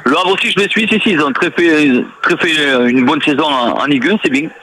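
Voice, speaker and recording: A man's voice: a little high, brisk, bright, forceful tone, slight background noise, poor audio. A middle-aged man with a southern French accent, a former footballer chatting as a radio guest in a rambling, good-natured way. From south of France. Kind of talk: casual radio interview.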